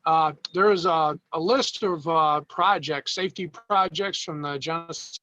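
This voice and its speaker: Male committee member on a choppy video call, bad connection breaking up, halting delivery, muffled lo-fi audio. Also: a little high, bright, forceful tone. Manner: halting, pausing often with "uh". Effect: breaking up over a bad video-call connection. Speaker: road advisory committee member giving a report. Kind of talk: informal report at a video-call public meeting. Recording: dull lo-fi call audio with faint noise.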